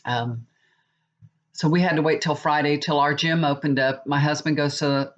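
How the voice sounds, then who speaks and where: Her voice low and steady at a moderate pace, a middle-aged tarot reader from Texas talks in a rambling, chatty vlog while sniffling with a cold. She restarts her thoughts many times, and the sound is dull and lo-fi.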